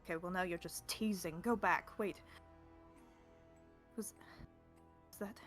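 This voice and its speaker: A woman's voice: on the low side, a little slow. A woman playing in a tabletop game, improvising casually between describing her character and speaking for him. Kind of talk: casual improvised role-play. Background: faint music.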